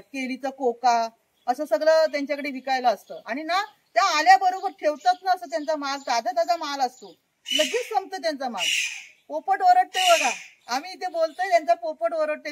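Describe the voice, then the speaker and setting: A woman with a Konkan Marathi accent and a bright, high-pitched voice gives a casual walking tour of a village garden outdoors. She talks chattily into a handheld phone and keeps pointing things out to her viewers. The sound is dry and close, with little room echo. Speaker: vlogger. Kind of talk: casual walk-and-show garden vlog.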